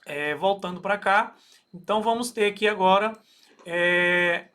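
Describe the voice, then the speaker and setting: Unhurried, with a high, pushed, bright and clean voice, a Brazilian man presents a recorded math lesson in a Brazilian Portuguese accent. He breaks things down step by step, fills pauses often, and frequently asks "okay?"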